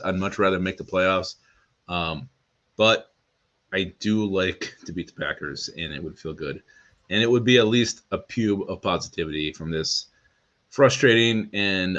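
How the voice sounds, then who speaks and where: A man co-hosts a live sports chat, teasing his partner and reading out viewer comments. His voice sits low but sounds forceful. The audio is dull and lo-fi. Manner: teasing, laughs often, reads viewer comments. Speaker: sports podcast co-host.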